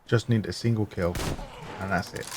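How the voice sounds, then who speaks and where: Over a noisy background, a low-voiced man speaks at a moderate pace. Acting as a gaming guide narrator, he walks viewers through the game one step at a time, pointing out where to find items, steady and instructive throughout.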